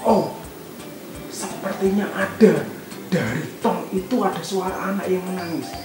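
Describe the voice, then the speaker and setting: A woman's voice: lowish voice, unhurried, distant mic, close to an everyday voice. A woman playing a kind policeman who wonders aloud where a sound is coming from. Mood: puzzled. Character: passing male police officer, puzzled and kind. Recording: echoey room with music behind.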